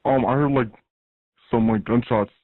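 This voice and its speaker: A man on an emergency phone call, his voice distorted and robotic as if run through a voice changer. He speaks haltingly, with many fillers. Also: medium pitch, fairly even intonation, no room sound. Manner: hesitant, halting, filler-heavy. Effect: distorted, robotic voice-changer sound. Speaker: 911 caller. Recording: tinny phone-line emergency call recording.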